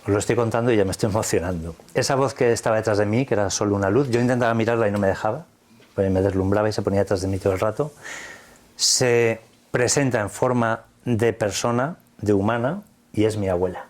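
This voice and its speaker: A man's voice: fairly low pitch, quick pace, darkish tone. A man from Spain with a Spanish accent, recounting a personal experience in earnest, vivid detail, quoting the dialogue. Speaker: interview guest.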